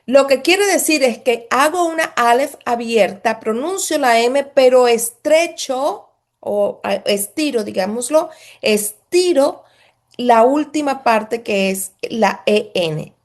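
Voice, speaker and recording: A woman teaching a religious lesson at an unhurried, deliberate pace. Her voice sits somewhat high, and she explains patiently, restarting phrases and often checking in with her listeners.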